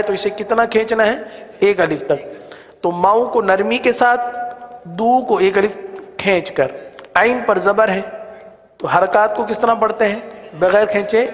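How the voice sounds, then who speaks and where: A male teacher leading a beginner reading lesson, chanting syllables slowly in a sing-song way and explaining rules briskly between the drills. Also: sits high, in a large hall.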